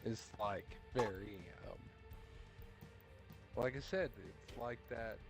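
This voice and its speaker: A man's voice: medium pitch, slow, music in the background. A man in casual chat, talking hesitantly with many ums and restarts.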